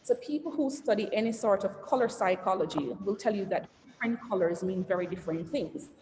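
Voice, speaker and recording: A woman executive delivers a conversational branding presentation to entrepreneurs over a video call, in an expressive, mid-range, slightly mellow voice that moves fairly quickly. She asks the audience questions, reads the chat out loud, and closes lists with "et cetera." The recording sounds roomy and reverberant, with faint noise.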